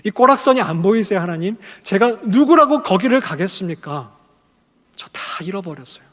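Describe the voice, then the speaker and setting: Moses, acted out by a preacher as a frightened older man begging God to send someone else. His pleading voice is high for a man and rings with a long hall echo. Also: lively intonation, moderate pace, fairly bright tone. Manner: pleading, self-pitying.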